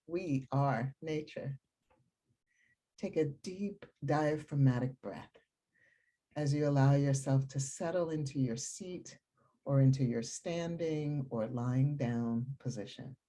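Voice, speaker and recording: Calm and soothing, a woman talks the listener through a guided meditation in a very deep voice. The delivery is breathy and soft, slow-paced, broken by long pauses.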